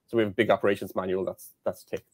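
A young Irish satellite engineer joins a casual interview as a guest over a video-call headset, sounding dry with no echo. His low voice holds a level tone, and he speaks haltingly, full of fillers and restarts.

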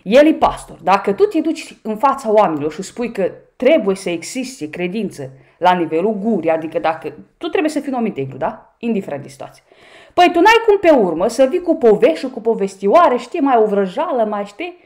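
Animated, sarcastic woman vlogger. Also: mid-range voice. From Romania. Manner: sarcastic, mocking asides. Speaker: vlogger commenting on sermon clips. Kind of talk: reaction commentary.

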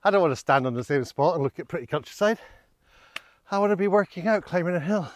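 A middle-aged man, working as a vlogger and walking guide, talks casually to a handheld camera held at arm's length while strolling village streets and country lanes. His voice sits high, with lively intonation and a quick pace, and his commentary is wry and self-deprecating, dotted with hesitant asides. The audio is clean and studio-like, with no room sound.

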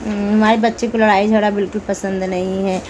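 A woman's voice: mid-range voice, little pitch movement, brisk, a little mellow, slight background noise. A woman in her thirties chatting to viewers in a casual family vlog, filmed on a phone at home. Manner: chatty, addresses viewers directly, laughs often. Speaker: vlogger. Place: home, indoors.

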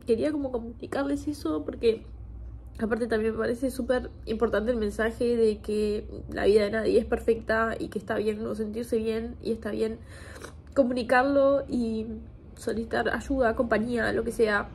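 A woman's voice: a little high, steady tone, moderate pace, a little mellow. A woman in her twenties talking candidly to camera, hesitant and emotional, on the verge of crying. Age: 20s. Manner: hesitant, emotional, with nervous little laughs. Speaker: video creator. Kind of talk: candid confessional chat to camera. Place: home kitchen, indoors. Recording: noisy home kitchen recording.

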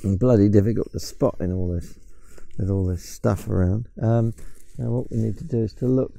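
Walking through the woods, this older English forager guide talks casually about mushrooms and wild plants, with a few hesitant restarts. He speaks at a normal speed in a fairly low, gravelly, dark voice with a steady tone, and there's no room sound.

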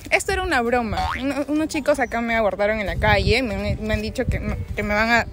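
A young woman with a fairly high voice talks into a handheld mic in an open park. She coaxes and pleads with her partner in a soft, persuasive way. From Peru. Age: young adult. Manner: coaxing, pleading, then indignant. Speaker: prankster girlfriend. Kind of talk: street prank conversation. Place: outdoor park.

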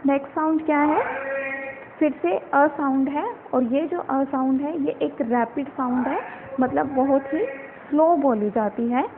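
A woman leads a phonetics lesson, her voice pitched high. She explains step by step, mixing English words into her speech and answering her own questions. The audio is thin and phone-like, with a faint hiss behind it. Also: measured pace. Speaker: teacher. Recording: tinny phone-quality audio with faint noise.

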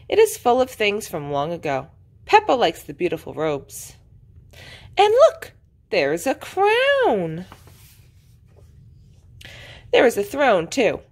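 Woman preschool teacher, storybook read-aloud, very lively pitch, medium voice. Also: moderate pace. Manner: expressive, sing-song reading to children.

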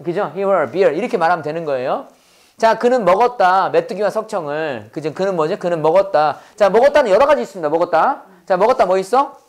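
Expressive and a little fast, this man's high voice leads an English lesson in class. He drills students to repeat after him, repeats phrases, and poses questions he then answers himself.

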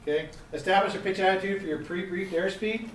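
A man's voice: high voice, fast. A middle-aged man teaching a seminar, quizzing the audience and repeating key points with emphasis. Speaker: gliding safety instructor. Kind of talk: interactive seminar lecture. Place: seminar room. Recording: echoey room, distant mic, faint background noise.

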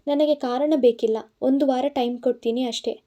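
A woman's voice: high voice, fairly even intonation, normal speed, mellow, close to an everyday voice. A woman reading the part of an angry, protective young man in an audiobook, scolding and insistent. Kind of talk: audiobook narration.

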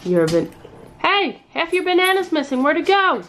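A woman's voice: extremely high pitch, big pitch swings, moderate pace, fairly bright tone, a little hiss or hum, rough recording. A young woman talking casually to the camera as a vlogger, rambling and chatty with frequent fillers. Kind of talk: casual vlog chat.

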